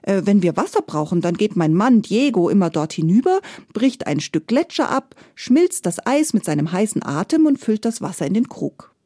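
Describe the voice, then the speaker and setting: A woman voicing a clever, kindly young mother in a fairy tale, speaking gently and soothingly. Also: medium pitch, very animated, moderate pace, hardly any pauses, dry recording, clean studio sound. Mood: gentle, sly.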